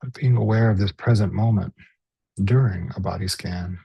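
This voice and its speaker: A man guides a body scan meditation as a teacher, his deep voice soft, breathy, and husky. He moves gently and unhurriedly, pausing after short phrases, in a muffled recording with no echo.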